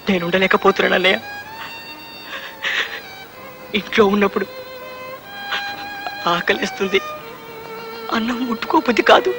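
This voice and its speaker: A lovesick young man pours out his self-pitying lament. His voice is high, with a Telugu accent, and a film score plays clearly beneath him. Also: low-quality recording. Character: lovesick younger brother pining for a girl. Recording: film soundtrack with music behind.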